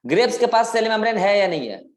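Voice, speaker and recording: This biology teacher speaks fast in a high, sing-song voice during a live interactive class, drawing out important words and quizzing his students. The classroom sounds roomy and echoey.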